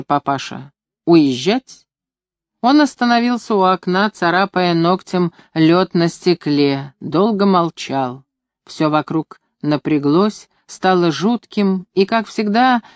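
A reader narrating a literary story with measured, expressive delivery. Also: medium pitch, no echo, studio quality.

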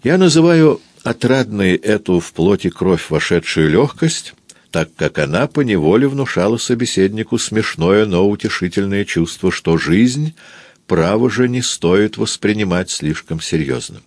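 A man narrating a literary novel for an audiobook in a measured, expressive manner. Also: fairly low pitch, no echo.

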